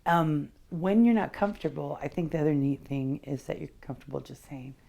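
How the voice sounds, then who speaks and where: A woman working as a handwriting analyst, giving a casual, frank personality reading in a chatty, animated way and laughing often. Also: sits low, fairly quick, creaky. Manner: animated, acts out his inner voice.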